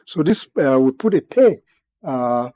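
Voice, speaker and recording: A guest analyst in a TV studio offers measured expert commentary in a mellow, dark voice that runs on the high side with a sing-song lilt. His phrasing is formal and broken by frequent hesitations.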